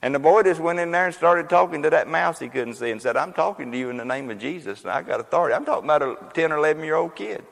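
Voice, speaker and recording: Man preaching, folksy storyteller, booms on key lines, long church reverb. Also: gravelly. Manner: folksy storytelling preacher, rising to loud emphatic peaks. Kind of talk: sermon.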